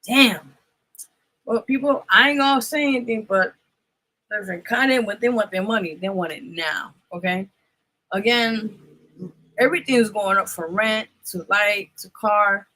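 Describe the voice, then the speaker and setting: A woman hosting a radio show, reading news items haltingly and tossing in profane offhand remarks. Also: mid-range voice, bright, forceful tone, poor audio. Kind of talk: casual news rundown.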